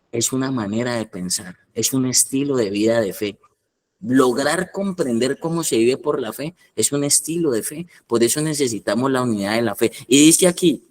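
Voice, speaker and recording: A man's voice: mid-range voice, darkish tone. A man preaching a colloquial, emphatic sermon as head of a rehab foundation, hammering points through repetition.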